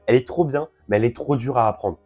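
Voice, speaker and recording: Chatty young man with mellow voice. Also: medium pitch, fast talker, faint music behind. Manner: chatty, self-mocking, rambling. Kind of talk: casual vlog commentary.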